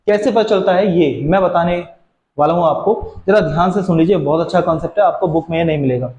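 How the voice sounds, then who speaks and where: A man's voice: fairly high pitch, quick pace, darkish tone, reverberant, lo-fi sound. A man teaching an English grammar lesson to students, explaining patiently and answering his own questions.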